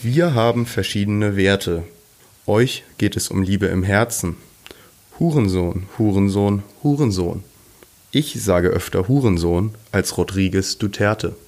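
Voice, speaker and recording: A man putting on a slow creaky robot voice. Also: lowish voice, darkish tone. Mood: mechanical. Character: stiff male robot reciting lines. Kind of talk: casual podcast quiz game.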